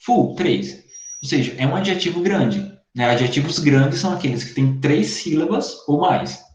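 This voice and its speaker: A man's voice: a little high, lively intonation, moderate pace, a little mellow, faint music behind. A man teaching an online English class in Brazilian Portuguese, explaining patiently and checking in with his students again and again. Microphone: computer mic in a video call. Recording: echoey, dull lo-fi call audio.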